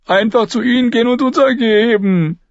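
A man's voice: very high-pitched, normal speed, no room sound, highs cut off, pitched above the performer's own voice. A man reading an audiobook, voicing a frightened young boy who whines and pleads. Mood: whiny pleading. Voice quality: whiny, pleading.

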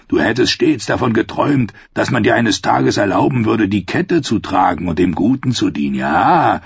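A male reader voices a cynical old archmaester with dry, unhurried menace, committing fully to the character. His voice is low and gravelly with a husky edge. The recording sounds dull and lo-fi, with no room sound at all.

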